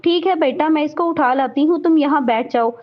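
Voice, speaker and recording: A woman's voice: sits high, normal speed, lightly acted. A woman voicing an affectionate, motherly older aunt who speaks kindly. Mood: caring. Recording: dull lo-fi recording.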